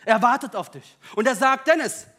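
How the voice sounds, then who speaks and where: A man with a high-pitched voice preaches to his congregation. He drives his points home with loud, rising emphasis. He then drops into quiet, wry personal asides and jokes. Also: lively intonation, moderate pace. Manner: personal and joking. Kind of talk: sermon.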